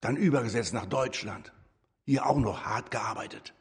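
A man's voice: medium pitch, moderate pace, husky. An older man giving a conversational sermon as a lay preacher, breaking into rising, emphatic bursts. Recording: echoey hall.

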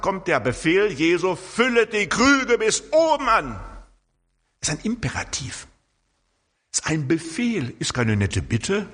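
Older male preacher, lively sermon delivery, husky tone, long church reverb. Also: medium pitch. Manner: lively storytelling with frequent tag questions.

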